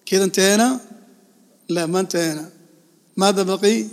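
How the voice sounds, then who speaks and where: A man's voice: high voice, fairly quick, long reverb tail. A man giving a religious lesson, repeating key words and quizzing his listeners before answering himself. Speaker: religious teacher.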